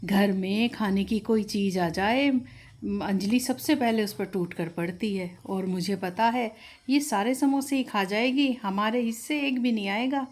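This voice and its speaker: A woman's voice: mid-range voice, measured pace, a little mellow, voice pushed down, lightly acted. A woman voicing a patient, put-upon young wife. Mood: restrained. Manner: restrained, mildly complaining.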